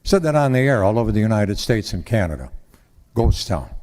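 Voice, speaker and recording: A man's voice: lowish voice, sing-song, brisk, a little mellow. Older man, folksy rambling speaker at a council lectern mic. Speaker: public commenter at council meeting. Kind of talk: public comment speech.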